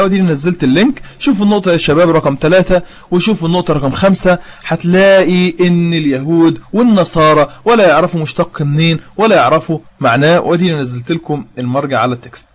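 A young man with an Egyptian accent, arguing as host of an online religious debate and reading quotations aloud. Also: a little high. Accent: Egyptian Arabic. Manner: fast, argumentative, reads quotations aloud.

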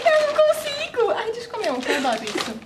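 Young woman, giggly vlog chat, very high lively voice, exclaiming, casual, playful. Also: quick pace, heavy background noise. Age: young adult. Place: outdoor home patio. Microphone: camera a few metres away. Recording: roomy, distant camera microphone, music.

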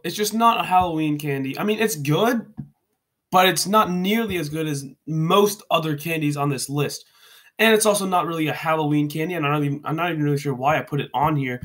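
With a fairly high, fairly bright voice, a congested young man records a rambling, joking candy ranking on his home webcam. As a vlogger giving casual commentary, he often backtracks to correct himself.

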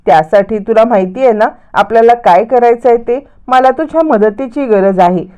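A woman's voice: on the high side, normal speed, mellow, close to an everyday voice. A woman voicing a scheming young woman who firmly lays out her plan in a retold serial story. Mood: determined.

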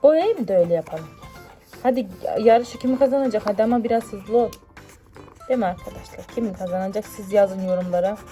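A mother talks casually at a middle pitch in a home video, her playful, chatty voice turning now and then to the viewers. Clear background music runs under her the whole time. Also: fairly quick, mellow. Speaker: mother vlogging with her daughter. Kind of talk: casual family vlog chat. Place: home, indoors.

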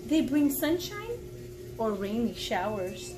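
In a small room at home, a woman in her forties reads a children's book aloud the way a teacher would, encouraging the listener, stopping to explain things and asking questions. Her voice sits on the high side and is very animated, with background noise audible.

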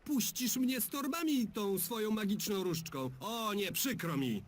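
A man's voice: sits high, expressive, unhurried. An actor voicing a stubborn, wheedling male game stall keeper in a dubbed adventure game. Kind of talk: game dub voice acting.

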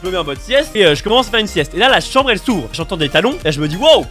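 A young man telling a story on his vlog, animated and slangy, acting out the people in it. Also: sits high, rapid-fire, soft background music. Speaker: vlogger.

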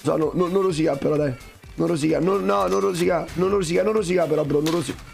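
A man who has lost his voice, croaking through casual gameplay commentary, joking and swearing with his viewers. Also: on the high side, fast, a little mellow. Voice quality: croaky duck-like voice. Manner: swears a lot, jokey, talks to viewers. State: lost voice, hoarse. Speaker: gaming streamer. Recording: game music behind.

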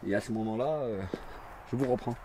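A man's voice: on the low side, steady tone, fairly quick. Man, 40s, rambling vlog talk, outdoors, handheld camera mic, faint background hiss. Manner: chatty, rambling, many fillers and repeats. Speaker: urban explorer vlogger. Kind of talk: casual walking commentary to camera. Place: outdoors at an abandoned burned campsite. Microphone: handheld or chest action camera.

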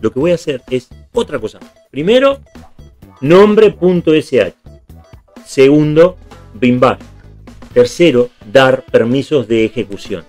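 A man's voice: medium pitch, lively intonation, unhurried, darkish tone, faint music behind. A man teaching programming step by step in a screen tutorial, often checking that viewers follow. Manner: patient, step by step, checks in with "¿está bien?".

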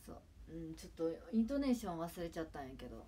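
Young woman w/ chatting on stream, lowish voice, rambly, faint hiss behind. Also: very animated, racing, warm tone. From Japan. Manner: rambling, chatty, trailing off to near mumbles. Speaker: idol livestreamer. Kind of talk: casual livestream chat.

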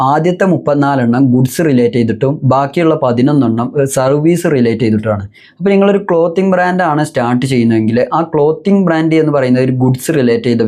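Consultant guy walking thru a tutorial, asks himself little questions, warm mellow tone. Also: mid-range voice. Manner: explains step by step, asks himself rhetorical questions. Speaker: business consultant. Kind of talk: tutorial explanation.

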